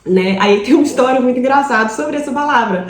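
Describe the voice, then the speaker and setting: A woman in her thirties with a Brazilian Portuguese accent teaches English in a live online class, telling stories in a chatty way and often adding "right?" Her voice sits high and moves fast, and the room sounds echoey.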